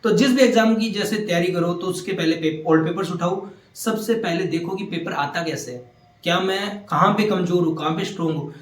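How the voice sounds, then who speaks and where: A man's voice: high voice, a little fast, reverberant. A young man from Rajasthan, a government engineer, giving earnest motivational exam advice, repeating his points and mixing in English terms. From Rajasthan, India. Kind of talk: motivational talk.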